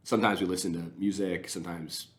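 A man's voice: low voice, steady tone, fast talker. A man talking casually on a podcast, rambling with enthusiasm and many restarts as he recommends things.

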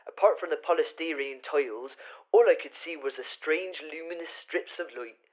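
A woman's voice: low voice, normal speed, very noisy, natural voice. A woman playing a pompous captive detective. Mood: wry. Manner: wry, self-important storytelling. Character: pompous self-proud male detective, captive. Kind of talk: hobby audio drama narration. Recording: slightly dull lo-fi recording.

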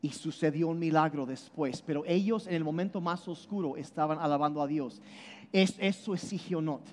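A man preaching a sermon, animated and emphatic, often repeating and restarting his words as he explains. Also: moderate pace. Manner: animated, shifts between loud emphasis and low intensity. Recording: long hall reverb.

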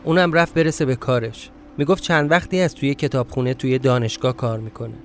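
Man narrating a story, confiding tone. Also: mid-range voice. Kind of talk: first-person audiobook narration. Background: faint music.

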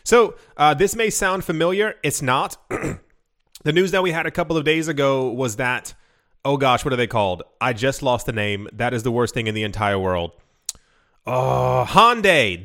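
A man's voice: medium pitch, fairly bright tone. A man hosting a crypto news show, reading headlines and drifting into chatty, rambling asides full of fillers. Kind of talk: casual news commentary.

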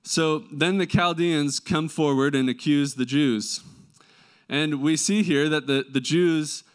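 A man's voice: a little high, slow, smooth. Nasal male preacher with a slight cold. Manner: conversational, checks in with rhetorical questions. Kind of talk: sermon with scripture reading and explanation.

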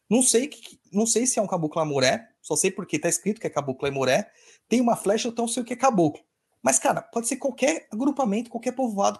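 A man with a high voice and a husky edge explains things in a relaxed, teacherly way. He speaks straight to the listener, repeats his main points for emphasis, and keeps checking in with short asides. It sounds like casual podcast talk. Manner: teaching, repeats key phrases, addresses listener directly. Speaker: spiritual teacher and podcast host.

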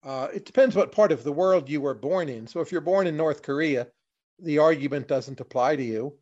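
A man, a guest in an interview, explaining his views in a measured way, in plain short lists. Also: fairly high pitch, darkish tone. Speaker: economist guest. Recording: dull lo-fi audio.

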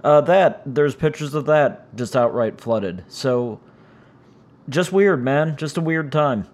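A man with a raspy, strained voice from injured vocal cords, hosting his own podcast in a rambling, casual way full of fillers. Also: medium pitch, animated, takes it slowly, a little mellow. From United States. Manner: rambling, frequent "uh" fillers, self-deprecating. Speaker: podcast host. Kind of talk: casual solo podcast chat. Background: cats making noise.

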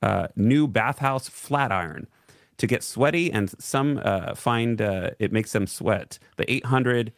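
A man co-hosting a radio talk show, reading odd news stories aloud with playful mock excitement. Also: lowish voice, measured pace, gravelly, no echo, clean studio sound. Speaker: radio co-host. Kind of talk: casual news banter.

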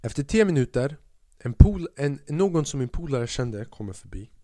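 A man's voice: medium pitch, sing-song, mellow, dry recording, studio quality. A man hosting a podcast who tells a comic story in a casual, slangy style, often swearing. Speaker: podcast host.

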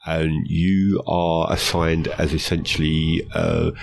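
A man co-hosting a film podcast in casual chat, talking haltingly with many fillers and restarts. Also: extremely low pitch, sing-song, vocal fry. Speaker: podcast co-host.

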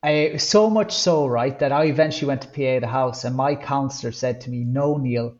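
A man with a Kerry accent from the west of Ireland, telling personal stories as a podcast guest, haltingly and with words repeated for emphasis. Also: medium pitch, darkish tone, lo-fi sound. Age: 30s or older. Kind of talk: candid personal storytelling in conversation.

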